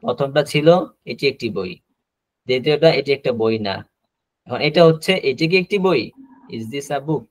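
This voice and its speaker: A man teaching a spoken-English class over a video call, repeating each example slowly and drilling pronunciation. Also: mid-range voice, expressive, dry recording.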